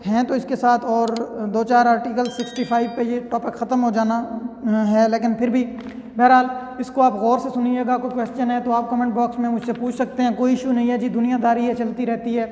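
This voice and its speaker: Fairly quick and flat in delivery, this very high-pitched, slightly mellow man explains law in a relaxed lecture style. He often pauses to check on his audience with "theek hai," and the room echoes with long reverb.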